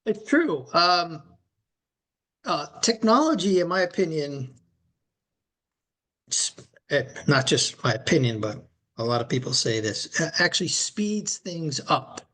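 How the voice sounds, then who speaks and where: A man's voice: fairly high pitch, big pitch swings, unhurried, long pauses, fairly bright tone. A middle-aged man co-hosting a podcast, chatting casually and rambling with many fillers and restarts. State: recovering from knee replacement surgery. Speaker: podcast co-host. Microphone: remote call audio.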